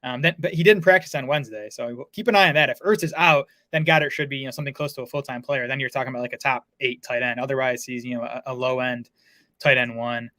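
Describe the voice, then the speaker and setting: A man's voice: mid-range voice, steady tone, bright, forceful tone, no echo. A man talking fantasy football in a casual podcast chat, full of fillers and restarts. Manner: fast, lots of filler words and restarts.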